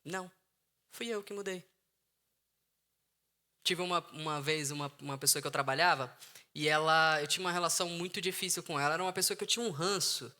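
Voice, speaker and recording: Out in the sunshine, a male psychologist with a Brazilian Portuguese accent delivers an earnest emotional intelligence talk to viewers online. His voice is bright, forceful and fairly high, and his delivery is brisk with long pauses. He repeats key phrases to drive them home.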